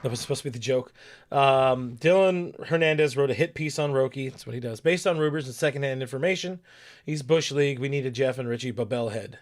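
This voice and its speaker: A man's voice: mid-range voice, quick pace, slight background noise. A man hosting a sports podcast, chatting loosely and joking through his sign-off. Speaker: podcast host. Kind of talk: casual chat.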